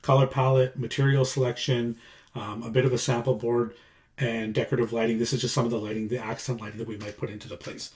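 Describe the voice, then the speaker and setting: A man, a construction coach casually explaining a design presentation in a relaxed, conversational way with frequent fillers and check-ins. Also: medium pitch, quick pace.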